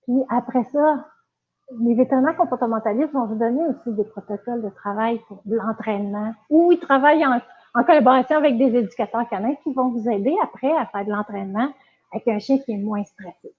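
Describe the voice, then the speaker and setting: A woman's voice: on the high side, a little fast, breathy edge. A woman with a Quebec French accent, giving a casual live-stream lesson as a dog trainer, chatty with many fillers and restarts. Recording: tinny phone-like audio.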